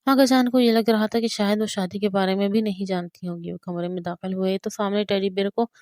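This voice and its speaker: A woman narrating a romance audio novel with steady storytelling. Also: medium pitch, a little fast, no echo.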